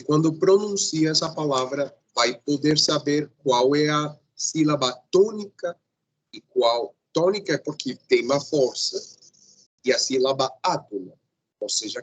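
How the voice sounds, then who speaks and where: Male teacher, unhurried, slightly husky; patient explainer who keeps checking in with the class. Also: fairly high pitch, rough recording. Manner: patient, checks in often with a questioning "sim?". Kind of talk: grammar lesson.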